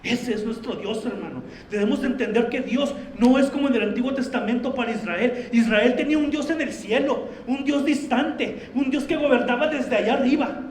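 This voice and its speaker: Pastor guy preaching hard in church, really high pitched, bit of faint hiss behind. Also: moderate pace, few pauses, darkish tone. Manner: fervent preaching, often addressing listeners as brother. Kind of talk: sermon. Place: church sanctuary. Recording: roomy church echo.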